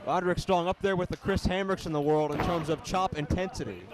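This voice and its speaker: A man's voice: high voice, steady tone, fast, crowd noise. A man working as a wrestling play-by-play commentator, calling the match live in emphatic, clipped phrases. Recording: noisy arena recording.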